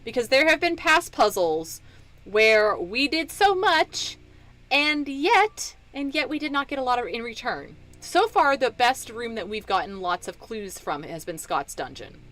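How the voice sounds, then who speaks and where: A woman's voice: a little high, a bit bright. A woman with a Southern American accent, casually commenting while playing a puzzle game and muttering to herself as she works. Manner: chatty, thinks aloud, mutters to herself. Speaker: gaming streamer. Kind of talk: casual let's-play commentary.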